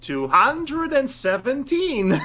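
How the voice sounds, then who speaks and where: A player in a comedy tabletop game, giggly, apologetic and excitable. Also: high-pitched, slow. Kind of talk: casual game chat.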